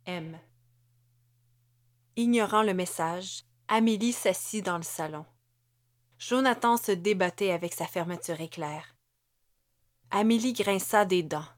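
A woman narrating a novel in a measured, even reading. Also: mid-range voice, dry recording, studio quality. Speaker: audiobook narrator.

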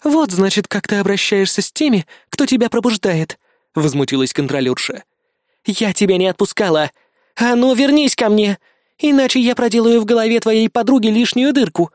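A man's voice: sits high, expressive, normal speed, darkish tone, no room sound, studio quality, pitched above the performer's own voice. A man putting on a mocking, bossy alien woman. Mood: threatening. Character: scheming alien woman controlling a host body.

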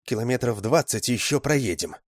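A man voicing a calm, matter-of-fact young woman in a storybook. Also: mid-range voice, moderate pace, no room sound, clean studio sound, voice pushed up, close to an everyday voice.

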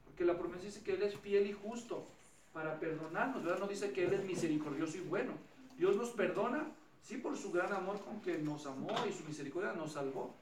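Man preaching a sermon, casual and self-deprecating, questions for the room, high register, echoey distant sound. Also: a little hiss or hum. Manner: conversational, self-deprecating, asks the audience questions. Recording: echoey hall, distant mic, faint ambience.

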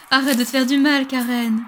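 A woman's voice: high-pitched, fairly bright tone, a little hiss or hum. A woman playing a smug, mocking young rival racer. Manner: mocking, condescending.

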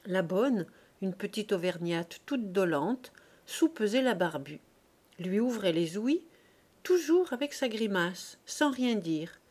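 A woman reading a classic novel aloud as an audiobook, in a measured, expressive way. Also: medium pitch. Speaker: audiobook reader.

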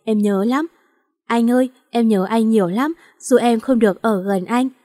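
A woman's voice: on the high side, moderate pace, mellow, lightly acted. A woman voicing a heartbroken young wife who is grieving and pleading through tears. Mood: longing. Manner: tearful, pleading. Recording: long hall reverb.

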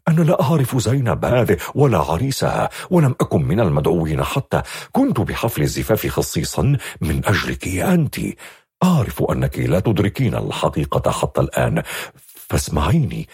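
A courtly young officer, formal and solemn, bowing in every word, as a male storyteller plays him. The voice drops below the narrator's own, husky and breathy. The recording is dry and close. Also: extremely low pitch, sing-song, a little fast, a little mellow, no room sound, voice pushed down, exaggerated voice.

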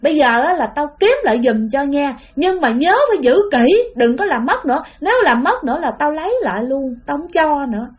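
A woman voicing the angry ghost of a grandmother who scolds in a rough, blunt way, with a Southern Vietnamese accent. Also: high voice, animated, a little fast, few pauses. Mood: scolding.

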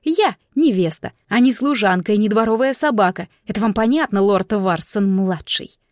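A woman's voice: on the high side, expressive, a little fast, darkish tone, no room sound, studio quality, lightly acted. A woman voicing a defiant, hot-tempered young bride who talks back sharply.

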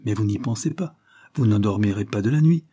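A man reading aloud voices a sharp, curt older spinster sister who speaks dryly and abruptly. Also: on the low side, expressive, a little fast, slightly rough. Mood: curt, scolding. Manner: dry and abrupt.

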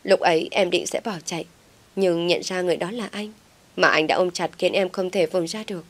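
A woman's voice: lowish voice, fairly even intonation, fairly quick. Woman playing a scheming, tearful young schemer. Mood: pleading, sobbing. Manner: tearful pleading. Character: scheming young female teacher feigning victimhood.

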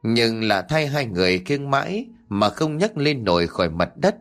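A man narrating a horror audiobook story in a steady storytelling voice. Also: mid-range voice, moderate pace.

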